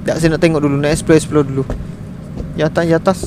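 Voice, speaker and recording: A man's voice: fairly high pitch, flat delivery, fast talker, background noise. A man with a Malaysian Malay accent giving casual, exasperated commentary while streaming a management game and talking to his viewers.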